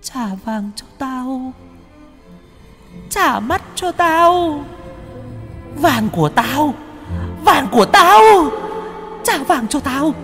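A woman voicing a vengeful female ghost who slowly moans for her stolen gold. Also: high-pitched, expressive, fairly bright tone, exaggerated voice. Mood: menacing moan. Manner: slow, moaning, menacing. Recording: echoey hall reverb over music.

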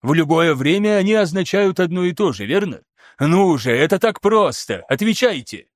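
A man reading an excitable showy scholar. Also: high voice, moderate pace, dry recording, clean studio sound. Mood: lecturing excitedly. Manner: animated, insistent, showy. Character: excitable theatrical male scholar, lecturing.

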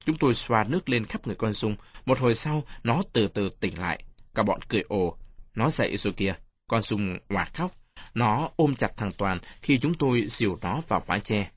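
Husky male storyteller with lively pitch. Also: dry recording. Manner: expressive reading with changing voices. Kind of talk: audiobook narration of a first-person story.

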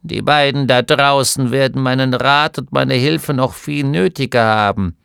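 A man voicing a grumpy old male gnome scholar in an audiobook, gruff and grumbling. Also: medium pitch, unhurried, fairly bright tone, no echo, studio quality. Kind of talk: audiobook character voice.

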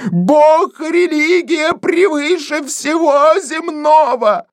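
A woman reading an audiobook, voicing a fanatical older woman who shrieks her words in slow, drawn-out cries. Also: sits high, no room sound, clean studio sound, voice pushed up. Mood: shrieking fury.

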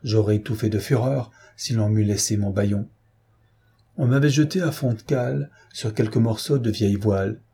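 A man voicing a fierce, wrathful sea captain recounting his ordeal in a measured, intense first-person telling. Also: on the low side, gravelly, dark tone, husky, exaggerated voice. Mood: grim.

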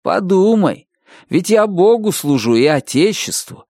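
A man voicing a cruel male officer who puts on a soft, sanctimonious tone. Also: sits high, big pitch swings, unhurried, no echo, studio quality, voice pushed up, heavily acted. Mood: mock-gentle. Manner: mock-gentle, sanctimonious. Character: sly, cruel male officer feigning kindness.

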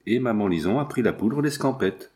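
A man's voice: lowish voice, animated, a little fast, darkish tone, natural voice. A man voicing a gossiping townswoman who tells the news bluntly and with emphasis, in a storybook reading. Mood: excited.

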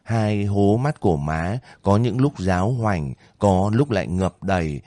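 A man reading the lines of a gentle, earnest young female volunteer in his own low voice. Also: lively intonation, a little slow, no echo.

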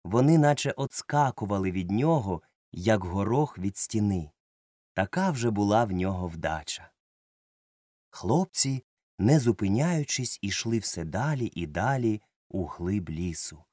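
A man narrating a children's story as an audiobook, reading in a lively, expressive way. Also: on the low side, a little slow, no room sound, clean studio sound.

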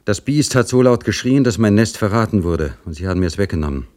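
A man reading a story, voicing a bitter, sly male livery servant who grumbles loudly and mocks. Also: on the low side, expressive, quick pace, natural voice. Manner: loud, complaining and mocking.

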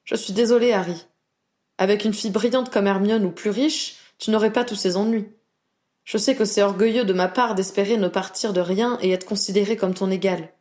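A woman's voice: mid-range voice, steady tone, a little fast, darkish tone, lightly acted. A woman voicing a proud, anxious young witch who talks in an earnest, pleading way.

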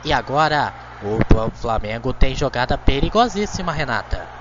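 A man's voice: medium pitch, very animated, normal speed, background noise. A man with a Brazilian accent reporting in live radio football commentary. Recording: dull lo-fi feed, music behind.

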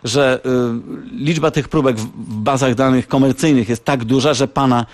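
A man's voice: medium pitch, moderate pace, no room sound. A man reporting as a radio correspondent, explaining things at length with hesitant fillers and restarts. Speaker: radio correspondent in the United States. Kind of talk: phone-in radio chat.

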